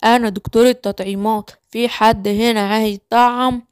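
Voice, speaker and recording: A woman with an Egyptian Arabic accent voicing an insistent male vaccination doctor in a children's cartoon story, in a lowered, businesslike voice. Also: fairly even intonation, fairly quick, a little mellow, smooth, lightly acted.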